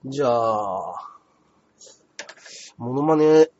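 A man co-hosting a casual comedy chat stream, animated and reading viewer comments aloud. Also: medium pitch, very slow. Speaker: radio and stream co-host. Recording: dull lo-fi stream audio.

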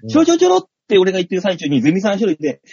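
Animated middle-aged man telling a story. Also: high-pitched, racing, husky, no room sound. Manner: animated, acts out scenes, laughs at his own story. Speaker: comedian and radio show host. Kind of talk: casual storytelling chat. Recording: dull, dry studio sound.

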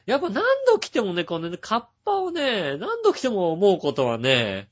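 A chatty male host spins a rambling personal story, his fairly high voice rising and falling in lively swings. The sound is dull and lo-fi. He talks casually, packing in fillers and little asides. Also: normal speed. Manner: chatty, full of filler words and asides, chuckling. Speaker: radio show host.

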